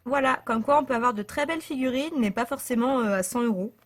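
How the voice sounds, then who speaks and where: A woman's voice: fairly high pitch, quick pace. A young woman chatting casually in a vlog, showing her bookshelf, often hesitating with fillers and correcting herself. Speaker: book vlogger.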